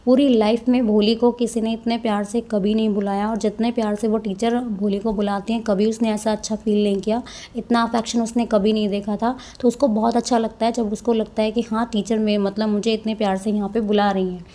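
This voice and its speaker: A woman teacher, reading passages slowly and explaining them in a Hindi-mix, often adding tag questions. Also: on the high side, level tone, warm tone. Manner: reads English lines slowly, then explains in Hindi-English mix. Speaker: English teacher. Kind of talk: explaining a textbook chapter, reading passages aloud.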